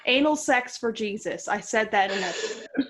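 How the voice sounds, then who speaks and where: A woman's voice: fairly high pitch, expressive, measured pace, a bit bright, slight background noise. Frank joking woman podcast co-host. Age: 30s. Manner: frank, joking, lots of fillers. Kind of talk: casual chat.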